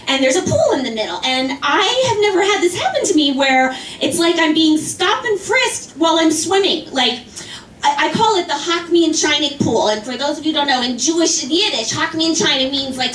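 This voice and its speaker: A woman's voice: high voice, fairly bright tone, slight background noise. A woman performing a stand-up comedy set, telling a rambling, exasperated story in a chatty way and putting on the voices of the people in it. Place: small club or class showcase stage. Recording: roomy, distant mic, faint ambience.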